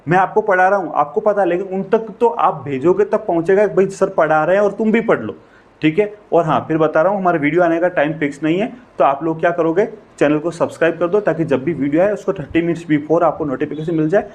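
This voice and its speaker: Male science teacher from India, slightly high voice, repetitive, question-driven lecturing. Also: fast talker. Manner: explains in Hindi mixed with English terms, repeats phrases; rhetorical questions, frequent "है ना" check-ins. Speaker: biology teacher. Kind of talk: classroom lecture to camera.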